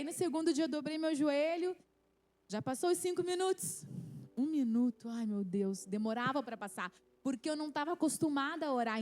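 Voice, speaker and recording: Woman, 30s, Carioca accent, high voice, church youth service speaker, earnest testimony. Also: a little mellow. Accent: Carioca Brazilian Portuguese. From Rio de Janeiro, Brazil. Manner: earnest storytelling, many restarts and "né?" asides.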